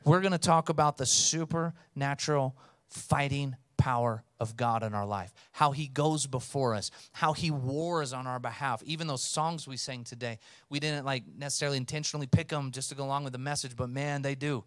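On a blue-lit church stage, a pastor in his thirties preaches a sermon into a handheld mic, emphatic and rising to loud calls for the congregation to respond. His voice is mid-range at a normal speed, and the sound is dry and clean, like a studio.

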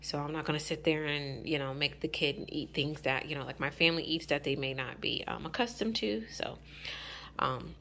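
A woman's voice: sits low, normal speed, fairly bright tone, slight background noise. A woman in her thirties, a mother, narrating a home vlog in a chatty, casual way with many filler words. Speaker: vlogger, mother.

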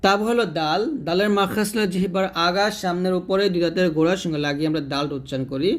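Guy teaching quran pronunciation, slowish, a bit high voice, says sounds over and over. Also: steady tone. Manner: slow, repetitive, demonstrates letter sounds; addresses viewers directly. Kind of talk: tajweed lesson.

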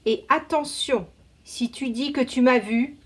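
Grand Kalao, a woman doing a booming haughty bird god. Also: measured pace, breathy edge. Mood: scolding. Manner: blustering, loud and scolding.

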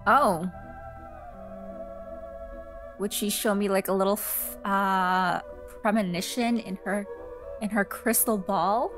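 A woman's voice: medium pitch, steady tone, slow pace, long pauses. A young woman giving casual commentary as she plays a video game. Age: young adult. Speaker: gamer reacting to a playthrough. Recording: game music behind the voice.

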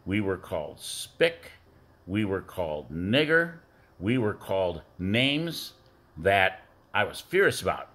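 A middle-aged man who once coached youth football gives a rambling birthday tribute packed with fillers and war stories. His voice sits low and fairly bright, and he speaks slowly but with great animation.

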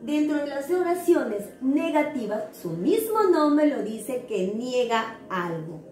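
A woman, a primary school teacher giving a remote grammar lesson and coaxing young pupils in an animated way. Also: sits high, takes it slowly. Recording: echoey room, faint noise.

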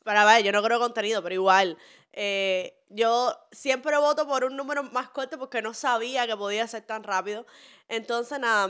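A woman's voice: medium pitch, fairly bright tone, clean tone. A young woman co-hosting a casual podcast chat in a small studio, teasing and dry. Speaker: podcast co-host. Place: small studio room, indoors. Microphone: studio mic on stand.

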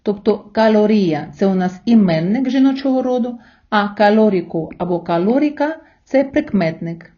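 A woman teacher giving a recorded language lesson, explaining slowly and patiently and pausing so learners can repeat after her. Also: mid-range voice, expressive, muffled recording. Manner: slow, patient explaining with pauses for repetition. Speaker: Spanish teacher.

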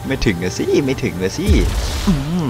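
A young man giving excited let's-play commentary to his viewers. He often shouts and laughs. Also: moderate pace, over music. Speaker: gaming YouTuber.

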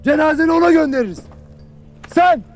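A stern, harsh army commander berates his soldiers in a very high voice in a television drama. He scolds in a cutting tone, and faint music runs beneath him. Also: lively intonation, brisk.

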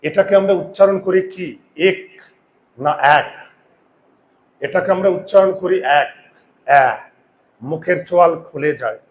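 A man teaching a grammar lesson who sounds out vowels slowly, repeats words and asks his students questions. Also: high voice. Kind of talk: classroom lesson.

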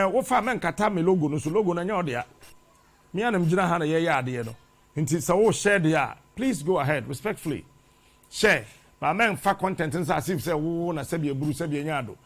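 This TV host, a middle-aged Ghanaian man, preaches animatedly in both Twi and English, circling back over phrases in a steady rhythm. He speaks at a fairly high pitch through a lapel mic, on a studio set with a brick wall.

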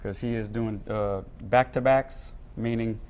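A man's voice: lowish voice, fairly even intonation, unhurried, a little mellow. A man in his thirties, a chef and restaurant owner, talking casually through a cooking demo on a morning TV show, with lots of ums and uhs. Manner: chatty, many ums and uhs. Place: TV studio kitchen set.

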